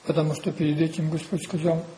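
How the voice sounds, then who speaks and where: A man preaching a sermon, deliberate and repetitive, posing rhetorical questions and answering them himself. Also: on the high side, little pitch movement, mellow, a little hiss or hum, low-quality recording.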